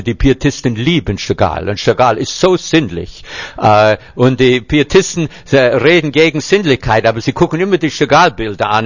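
A man's voice: fairly low pitch, dry recording. A man preaching a sermon to a seated congregation, reading scripture and teaching with wry humorous asides. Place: church hall before a seated congregation. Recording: dull lo-fi recording.

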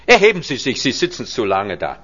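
A man's voice: medium pitch, huge pitch swings, fairly quick, pushed and bright. Man preaching with wry humor, dull recording. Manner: teaching, with wry humorous asides. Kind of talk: sermon with Bible reading. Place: church hall before a seated congregation.

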